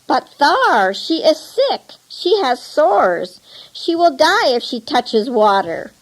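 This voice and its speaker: Cast: anxious, protective village mother, raised pitch and pleading tone, read by a woman narrator. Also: big pitch swings, measured pace, full character voice, rough recording. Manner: pleading, worried exclamations.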